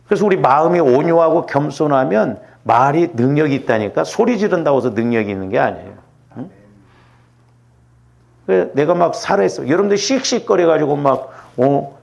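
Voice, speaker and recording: A man's voice: mid-range voice, vocal fry, highs cut off. A middle-aged male pastor giving a conversational sermon, often checking in with the congregation. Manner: conversational preaching with rhetorical checks.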